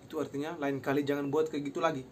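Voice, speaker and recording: Young man slowly explaining vocabulary. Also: a little high, little pitch movement, slight background noise. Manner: explains terms, then slowly repeats the pronunciation of each phrase; mixes in short English phrases. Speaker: university student. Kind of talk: recorded class presentation.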